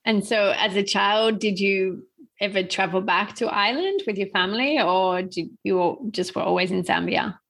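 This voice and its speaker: Gravelly-voiced woman podcast host. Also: medium pitch, normal speed, a bit bright. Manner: friendly, laughs often. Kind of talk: casual interview chat.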